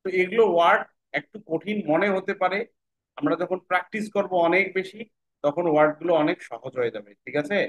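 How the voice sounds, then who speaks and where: A man teaching children to break English words into syllables, spelling each letter aloud and repeating every word slowly while checking they follow. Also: high-pitched, fairly bright tone, lo-fi sound. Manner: checks in often with "right?".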